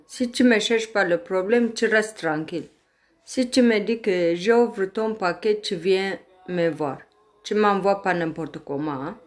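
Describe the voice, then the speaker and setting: A woman's voice: mid-range voice, takes it slowly. A woman from Ethiopia whose first language is Amharic, talking to her viewers in a confrontational way and repeating her warnings over and over. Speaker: vlogger. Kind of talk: casual talk to viewers.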